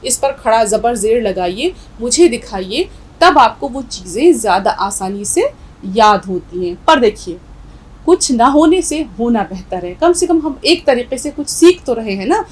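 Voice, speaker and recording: A woman's voice: fairly high pitch, lively intonation, moderate pace, husky, rough recording. A middle-aged woman teaching a recorded language lesson, patiently repeating letter drills. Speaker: Urdu teacher.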